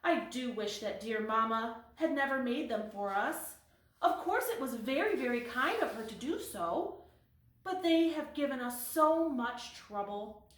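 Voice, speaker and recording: A woman's voice: a little high, expressive, unhurried. A woman voicing a sad, fretful kitten sister who speaks with a sorrowful sigh. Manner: sorrowful, sighing. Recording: roomy echo, mic at a distance.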